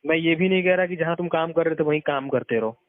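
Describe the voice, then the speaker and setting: A fast-talking man with a slightly high voice gives casual, emphatic advice by phone, drawing on experience as a former network marketer and repeating points for stress. The recording is dry, muffled, and narrowband.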